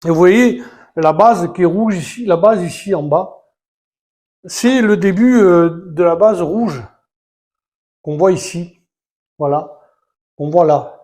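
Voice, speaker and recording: A man narrates a model build as he works through it, in an unhurried, homely way. His voice sits a little high for a man. He stumbles often, fills gaps with hesitations, and counts pieces under his breath. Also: a little mellow. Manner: hesitant, many fillers and restarts, counting pieces aloud. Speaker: Lego building vlogger. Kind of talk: casual live building commentary.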